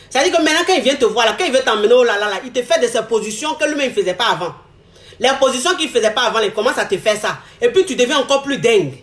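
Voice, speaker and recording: A woman with a high voice delivers a frank, expressive monologue of relationship advice. She hammers her points by repeating them and acts out the words of the people she quotes. The sound bounces around an echoey room. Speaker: advice speaker.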